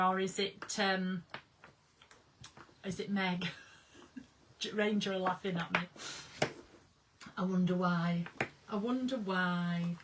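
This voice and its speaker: A woman hosting a casual craft live stream from her workroom, chatting in a bubbly, excitable way as she greets viewers and reads their comments. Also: mid-range voice, noisy background.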